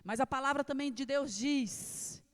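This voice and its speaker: A woman's voice: high-pitched, unhurried. A woman with a Brazilian Portuguese accent preaching a sermon in a church, telling a personal testimony with passion. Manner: impassioned storytelling, swinging between hushed and loud.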